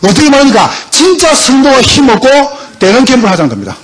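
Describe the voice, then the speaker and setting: A man's voice: extremely high pitch, wildly swooping pitch, fast, a bit bright, husky. A male pastor preaching a sermon emphatically, often asking the congregation questions.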